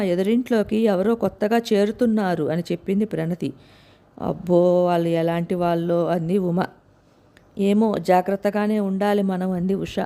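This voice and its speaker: A woman's voice: on the low side, dark tone. Woman reading a family story aloud. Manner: reads every character's lines in her own voice, lightly varied. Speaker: storyteller reading her own serial story. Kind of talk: narrated story reading with dialogue.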